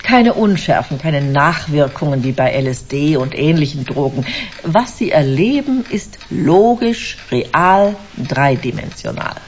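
In a German sci-fi radio drama, an actress with a low voice plays a smug, commanding company director selling a drug, suave and theatrical as she savours each word. The pitch is seductive, with lively intonation at a measured pace, on a dull, hissy recording.

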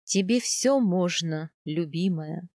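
A woman reading an audiobook, voicing a passionate young steppe husband in a lower, drawn-out tone. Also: lively intonation, mellow, no echo, studio quality. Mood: tender.

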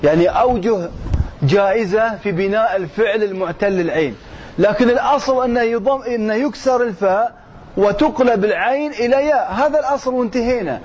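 A man teaching grammar, reading a text slowly and then explaining it while quizzing his listeners. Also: high voice, a little mellow. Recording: dull lo-fi sound with faint noise.

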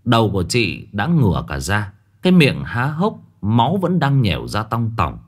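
Deep-voiced man telling a horror story. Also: huge pitch swings, normal speed. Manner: dramatic, tense storytelling. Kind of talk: scripted first-person horror narration. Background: faint music.

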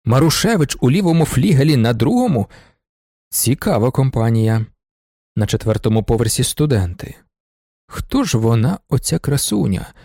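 A reserved middle-aged merchant in a storybook reading, muttering his thoughts in a dry, lowered voice, as a male narrator gives them. The tone is gravelly and close, with no room sound. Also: sing-song, normal speed, warm tone, no room sound. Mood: musing.

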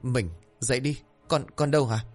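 A man's voice: mid-range voice, fairly even intonation, normal speed, faint music behind, voice pushed up, natural voice. A man voicing a frightened village father who recounts events and pleads urgently. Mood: panicked. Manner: urgent, panicked.

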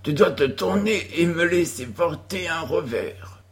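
A bold young boy playing at being an outlaw hero, as a male reader puts him on, high-pitched and commanding. He declaims his lines with theatrical flair and lively swoops in pitch. It is a storybook reading. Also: a little slow.

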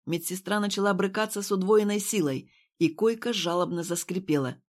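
A woman's voice: mid-range voice, a little fast. A woman narrating an audiobook in the first person. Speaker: audiobook reader. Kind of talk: scripted narration.

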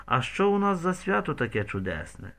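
A man's voice: a little high, big pitch swings, fairly quick, bright, forceful tone, voice pushed up, full character voice. A man reading the lines of an anxious, loving village mother in an audiobook, with emotional exclamations. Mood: wondering.

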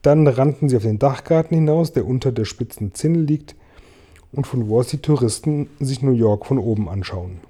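A man reading a children's story aloud with lively, expressive narration. His voice is very dark and mellow, and his pitch sits in the middle range. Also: normal speed, slightly rough. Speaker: audiobook reader.

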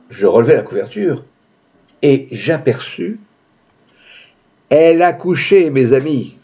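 A man reading a classic story aloud in an expressive literary style, with dramatic emphasis. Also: husky, highs cut off. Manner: dramatic, shifting pitch for emphasis.

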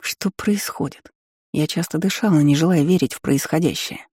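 A woman's voice: sits low, normal speed, darkish tone, husky, no echo, clean studio sound. A woman narrating an audiobook in the first person, in a wry, blunt storytelling manner. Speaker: audiobook reader.

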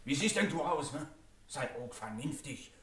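A man's voice: a little high, moderate pace, roomy sound, natural voice. A man playing a coaxing friend, distant in a crowd. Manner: coaxing, calming.

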